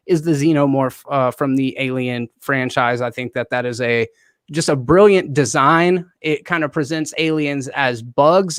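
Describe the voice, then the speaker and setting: A man on a casual live-stream panel holds forth in a slightly high voice, blunt and joking. The sound is dry and close to the mic, with no room around it. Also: smooth, no echo.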